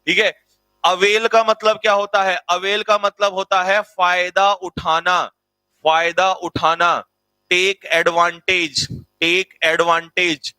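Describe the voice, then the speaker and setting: A male teacher giving a lively online vocabulary lesson, spelling out words letter by letter and repeating key answers to his students. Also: sits high, dry recording.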